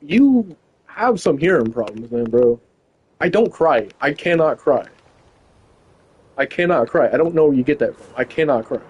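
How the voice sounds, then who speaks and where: A man's voice: a little high, expressive, normal speed, husky, highs cut off. A young man streaming live, arguing with a chatbot in a casual, incredulous way, swearing a lot.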